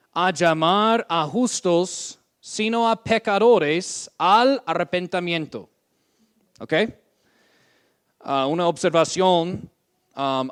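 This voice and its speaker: Slow, high-voiced preacher man. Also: clean tone. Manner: slow, deliberate delivery with frequent "¿ok?" check-ins; reads scripture aloud, drawing out quoted verses. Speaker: pastor. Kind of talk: sermon.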